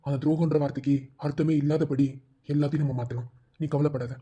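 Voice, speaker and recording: A man voicing a caring middle-aged father in a cartoon drama, speaking in a steady, soothing, reassuring way. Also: fairly high pitch, very fast, slightly rough.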